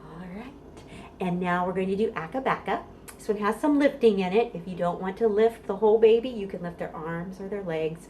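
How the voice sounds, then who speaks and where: Far from the mic, with slight background noise, a woman with a lowish, somewhat dark voice runs storytime for babies and toddlers. As the children's librarian, she is playful and encouraging, giving tips and chanting sing-song rhymes.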